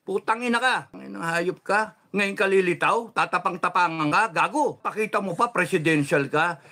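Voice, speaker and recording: A middle-aged man from the Philippines delivering a heated, cursing political rant, swinging from shouts to low controlled muttering. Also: normal speed. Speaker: political commentator.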